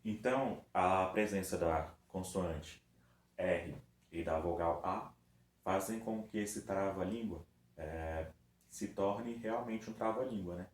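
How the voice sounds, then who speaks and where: A man teaching a recorded review lesson for children, patiently stretching out words syllable by syllable. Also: low-pitched. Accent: Brazilian Portuguese. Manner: patient, drawn-out syllable-by-syllable demonstration. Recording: echoey room with faint background noise.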